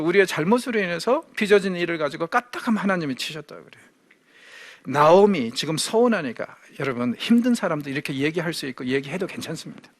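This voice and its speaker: With no room sound, a man with a highish, slightly bright voice and some vocal fry gives a Bible lecture. He poses rhetorical questions to his audience and vividly acts out quoted speech.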